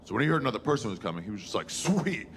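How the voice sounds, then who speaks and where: Male stand-up in his 40s, crude and wry, animated pitch. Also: rapid-fire, slight background noise. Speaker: comedian. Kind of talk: stand-up comedy. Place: stage before a live audience.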